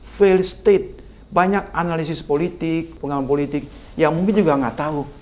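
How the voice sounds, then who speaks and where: In a fairly high voice and at a slightly quick pace, an older political communication expert speaks emphatically as a podcast interview guest. Animated and respectful, he keeps addressing the host as "Pak."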